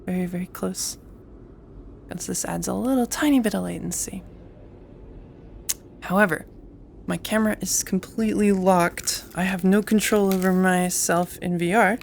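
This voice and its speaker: A woman's voice: medium pitch, fairly even intonation, normal speed, gravelly, pauses often, slight background noise. A woman composing music live in VR, chatting casually with her stream audience, laughing often and muttering to herself over technical glitches.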